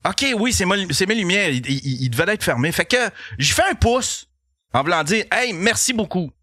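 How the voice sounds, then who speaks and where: A man with a Québécois accent, a podcast host telling a comic story in an animated, profane way and laughing as he goes. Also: high voice, normal speed, no room sound, studio quality. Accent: Québécois French.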